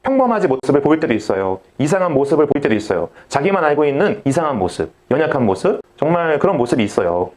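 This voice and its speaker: A man's voice: on the high side, very animated, quick pace, hardly any pauses, darkish tone. A young man preaching a sermon as a pastor, telling a story and acting out the dialogue.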